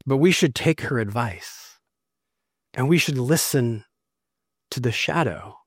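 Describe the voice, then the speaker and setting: A man's voice: mid-range voice, no room sound, clean studio sound. Earnest man preaching a sermon. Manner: earnest storytelling preacher, reads scripture aloud. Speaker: pastor.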